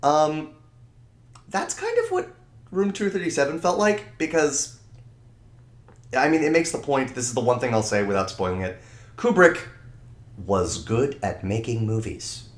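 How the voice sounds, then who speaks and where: A man co-hosting a podcast, talking in an excitable, animated way with many restarts. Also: a little high, normal speed, pauses often, roomy sound. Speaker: podcast co-host. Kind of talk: casual chat.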